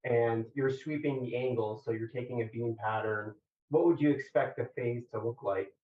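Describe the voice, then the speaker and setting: A man on a thin, phone-like remote connection, distant and full of echo. His pitch is average, and he puts technical questions as an examiner in a halting, measured, collegial way. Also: fairly even intonation, a little hiss or hum. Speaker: examiner questioning a thesis candidate.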